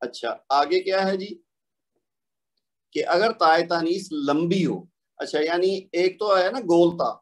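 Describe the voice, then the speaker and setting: A man with a fairly high voice teaches a recorded online lesson. He explains patiently, one step at a time, and often asks the learner a question before answering it. Each example word is drawn out slowly and clearly. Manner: slows down to draw out example words. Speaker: Quran recitation teacher.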